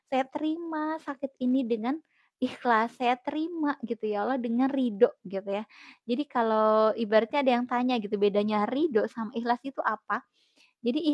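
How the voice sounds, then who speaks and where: A woman hosting a live Q&A as a kidney patient, giving a gentle, reflective, faith-based talk to viewers and repeating phrases for emphasis. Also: fairly high pitch, no room sound. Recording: dry, slightly dull lo-fi sound.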